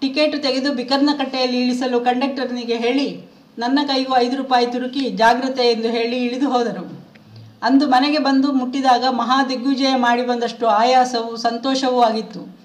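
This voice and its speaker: Woman narrator, high register, measured memoir read, echoey room. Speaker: audiobook reader. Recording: roomy echo.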